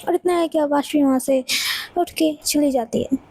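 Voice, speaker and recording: A woman narrating a romance audio story in a plain, even storytelling manner. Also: high-pitched, normal speed, low-quality recording.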